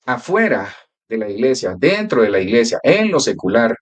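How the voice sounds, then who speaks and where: A man's voice: medium pitch, big pitch swings, normal speed. A male pastor who prays and then teaches a church class, telling stories in a prayerful, earnest way.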